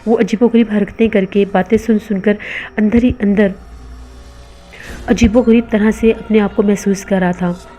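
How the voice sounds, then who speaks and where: Woman reading a horror novel, steady and measured, mellow dark voice, faint music playing under it. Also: medium pitch. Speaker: storyteller. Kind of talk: scripted horror narration.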